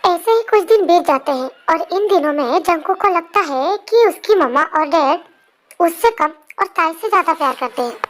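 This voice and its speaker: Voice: extremely high pitch, animated, moderate pace, a bit bright, a little hiss or hum. A young narrator telling the story in a plain, matter-of-fact way.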